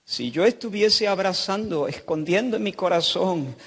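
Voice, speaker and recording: A man from Spain preaching a sermon as pastor, swinging from quiet, low passages to loud, impassioned pleading. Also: lively intonation, normal speed, breathy edge. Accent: Spain Spanish. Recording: long hall reverb.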